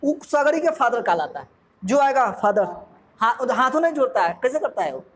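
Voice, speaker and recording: A man's voice: very high-pitched, big pitch swings, normal speed. A man from Bihar with a Bihari accent, a coaching teacher running a jokey quiz revision and quizzing his class. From Bihar, India. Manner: jokey, asks the class questions. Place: classroom full of students. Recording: noisy crowded classroom. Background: students in the room.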